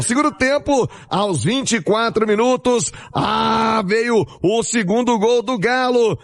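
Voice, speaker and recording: A Brazilian man presenting a football match recap on radio in short, emphatic phrases. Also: sits high.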